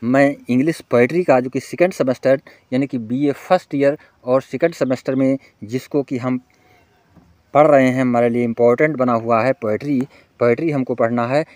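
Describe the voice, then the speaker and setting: Man slowly reading out exam questions. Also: medium pitch, darkish tone, no echo. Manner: explains in Hindi, slowly reads out English questions word by word; keeps addressing listeners as friends. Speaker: teacher. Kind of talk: exam-prep lecture.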